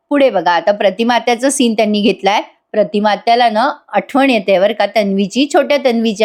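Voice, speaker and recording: Marathi lady chatting thru a serial recap, bit high voice, giggly, talks to the viewers. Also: a little mellow. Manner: chatty, laughs often, addresses viewers directly. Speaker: serial reviewer. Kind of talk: voice-over episode recap.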